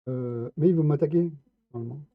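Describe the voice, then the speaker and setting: A man's voice: on the high side, a little fast, no room sound. A man giving casual gameplay commentary, chatty and playful, talking straight to his viewers. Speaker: streamer. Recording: tinny phone-like, dry sound.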